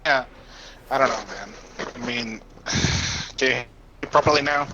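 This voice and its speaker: A man's voice: medium pitch, moderate pace, pushed and bright. A man co-casting an esports match over an unstable internet call, his voice coming through robotic and glitchy, hesitant and trailing off. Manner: hesitant, trailing off, restarting phrases. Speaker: co-caster. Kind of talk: esports commentary. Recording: dull lo-fi call audio with faint noise.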